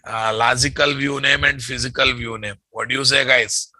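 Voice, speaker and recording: A man's voice: medium pitch, fairly even intonation, normal speed, sharp tone, no room sound, rough recording. A man with a Telugu Indian English accent lecturing as a programming instructor, emphatic and repetitive, often quizzing his listeners with tag questions. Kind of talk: classroom lecture, repeating terms for dictation.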